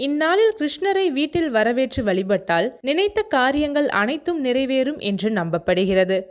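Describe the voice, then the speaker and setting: A woman narrates a scripted voice-over at a measured, announcing pace. Her voice sits a little high and moves up and down a lot as she reads. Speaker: narrator of a devotional video.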